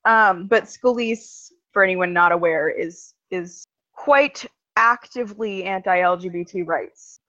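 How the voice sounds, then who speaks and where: A woman's voice: fairly low pitch, takes it slowly, sharp tone. A woman co-hosting a casual chat podcast, explaining things at length with lots of ums. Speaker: podcast co-host. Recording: slightly dull lo-fi recording.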